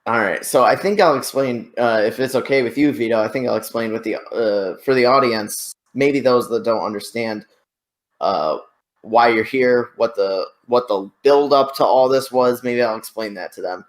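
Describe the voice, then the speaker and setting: A man's voice: mid-range voice, normal speed. Hesitant man hosting an online debate. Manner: hesitant, hedging explainer. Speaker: show host. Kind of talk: casual online debate chat.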